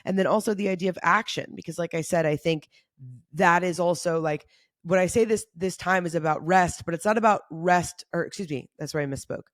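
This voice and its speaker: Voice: mid-range voice, a little fast, no echo, studio quality. A podcast host giving a casual, informal spiritual talk and guided reflection, thinking aloud in a conversational way.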